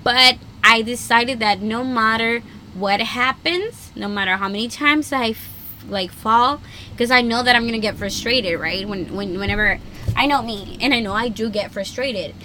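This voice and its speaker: A young woman hosting a casual solo podcast, chatty and excitable, filling her talk with "like". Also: fairly high pitch, moderate pace, a little hiss or hum, low-quality recording. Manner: chatty, many "like" fillers, excitable. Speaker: podcast host.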